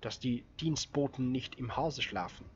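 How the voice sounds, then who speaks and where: A man voicing a determined young hunter with a hoarse voice who speaks urgently, as he reads a story aloud. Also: mid-range voice, a little slow, muffled recording, slight background noise, close to an everyday voice.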